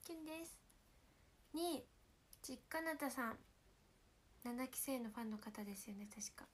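Soft-spoken Kansai girl with a sore throat. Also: high voice, expressive, moderate pace, slight background noise. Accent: Kansai Japanese. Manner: soft-spoken, often drops to a whisper. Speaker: idol livestream host. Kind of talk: casual livestream chat with fans. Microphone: phone.

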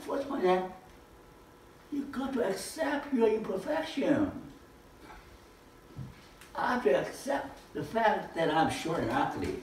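Recorded from far off by a camera across an echoey living room, an older lecturer teaches informally in front of a projector screen. His voice is fairly high with a little hiss or hum on the track, and he poses rhetorical questions while gesturing broadly.

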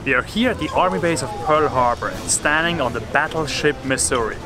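A man's voice: a little high, a little fast, music in the background. A man in his thirties, a Swiss German native speaker, chatting casually as a travel vlogger while showing sights outdoors. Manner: upbeat, chatty, explaining sights. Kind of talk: casual travel vlog narration. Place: outdoors on a battleship deck.

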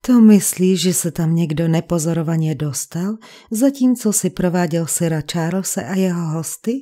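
A woman's voice: lowish voice, dark tone, close to an everyday voice. A woman reading the part of a kind-hearted vicar's wife who protests in shock and indignation.

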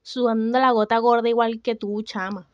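Exasperated, sassy young Venezuelan woman, woman actor, a bit high, dry and lo-fi sound. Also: fairly even intonation, moderate pace, clear, resonant tone, no echo, natural voice. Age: young adult. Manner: exasperated, complaining, sharp-tongued. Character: fed-up young woman, grumbling, short-tempered. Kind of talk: comedic student film acting. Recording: dull, dry, lo-fi.

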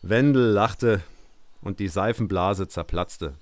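A man narrating a story in the first person with expressive, declamatory delivery. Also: lowish voice, slow. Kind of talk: scripted audiobook narration.

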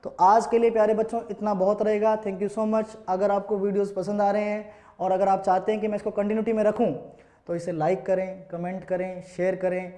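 A man's voice: high voice, flat delivery, a little fast, warm tone. A man with an Indian accent teaching English vocabulary in an online lesson, asking the same question again and again and spelling words out letter by letter. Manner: drills words with repeated call-and-answer questions. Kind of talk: classroom-style online lesson.

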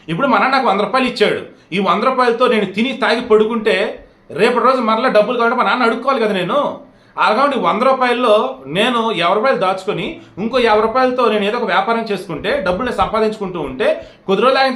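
A man's voice: high voice, sharp tone. A man giving heated, scolding political commentary straight to his audience, firing rhetorical questions. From India. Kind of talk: direct-to-camera political commentary. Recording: roomy echo.

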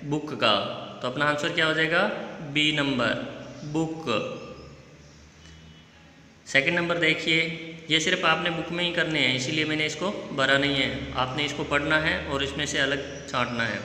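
A man with an Indian Hindi-speaking accent teaching an English lesson in Hindi to young pupils, spelling words letter by letter and repeating them slowly. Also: fairly high pitch, steady tone, sharp tone, a little hiss or hum. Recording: echoey room with long reverb.

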